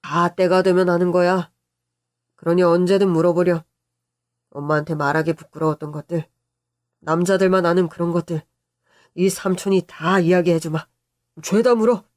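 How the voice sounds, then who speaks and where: A woman voicing a kind-hearted middle-aged uncle who talks in a gruff, playful, blustering way. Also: fairly low pitch, fairly even intonation, moderate pace, pauses often, darkish tone, no echo, clean studio sound, natural voice. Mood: teasing.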